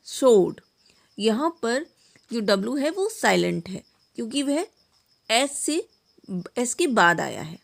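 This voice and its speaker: A woman's voice: fairly high pitch, gravelly. A woman teaching an English lesson, naming letters and saying example words one at a time. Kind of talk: slow spoken grammar lesson.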